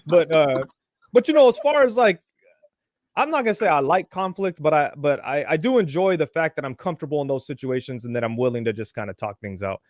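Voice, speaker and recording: A man's voice: on the high side, a little fast, no echo, studio quality. A man chatting casually as a podcast guest, telling stories full of swearing. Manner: profane, animated storyteller. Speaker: guest, toy and collectibles YouTuber.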